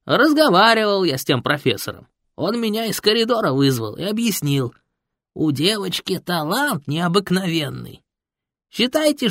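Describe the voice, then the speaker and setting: A man doing a creaky old village grandpa. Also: high-pitched, a bit bright, no echo, clean studio sound, voice pushed up, exaggerated voice. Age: older. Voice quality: creaky, gruff. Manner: folksy, blunt storytelling. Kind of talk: audiobook character voice.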